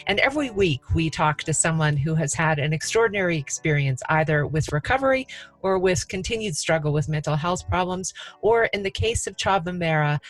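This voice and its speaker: A woman's voice: fairly low pitch, no room sound, rough recording. Earnest woman host, dry close sound. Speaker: podcast host. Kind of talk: scripted intro and interview questions.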